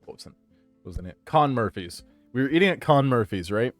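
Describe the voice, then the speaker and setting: A man hosting a casual podcast stream, telling a rambling story with jokes and hushed asides. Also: medium pitch, animated, quick pace, no room sound, soft background music. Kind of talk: casual chat with live chat.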